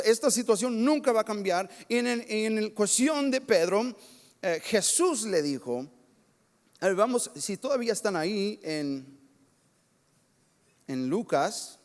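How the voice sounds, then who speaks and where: A man preaching a sermon as pastor, telling lively, self-mocking stories from his own life. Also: high voice, a little slow, pauses often. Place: church sanctuary. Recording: long church reverb.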